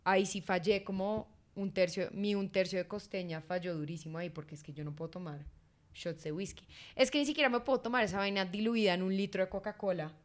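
A young woman from Miami co-hosting a casual podcast chat, talking loudly, bluntly and with plenty of swearing. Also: mid-range voice, fast. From Miami, USA. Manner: loud, brash and foul-mouthed. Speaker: co-host.

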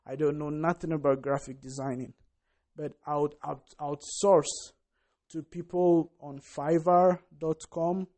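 A man's voice: on the high side, level tone, unhurried, dark tone. A man giving an emphatic motivational business talk, often asking "right?" and saying "listen". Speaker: business vlogger.

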